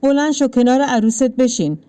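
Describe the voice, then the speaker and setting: A woman's voice: sits high, voice pushed up, natural voice. A woman reading as a cold, domineering village landlord. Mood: cold menace. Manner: calm, curt and menacing.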